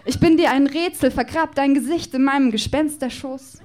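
A woman performs her own comic love poem live at a poetry slam, with a playful, rhythmic, mock-passionate delivery. Her voice is high and a little mellow, at a normal speed.

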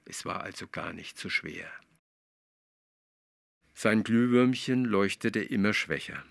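A man reads a children's story in a soft, lowered voice, sometimes dropping almost to a whisper. His tone is low-pitched yet bright and forceful. The sound is dry and close. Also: slow, gravelly, dry recording. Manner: soft, hushed narration. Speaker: author reading his own story. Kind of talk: storybook reading.

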